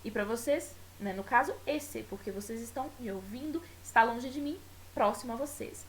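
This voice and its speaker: A woman's voice: on the high side, slight background noise, low-quality recording. Brazilian woman teaching a Spanish lesson. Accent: Brazilian Portuguese. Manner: explanatory, repeats words slowly and stretches them for pronunciation; checks in often with tag questions. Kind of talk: recorded school video lesson.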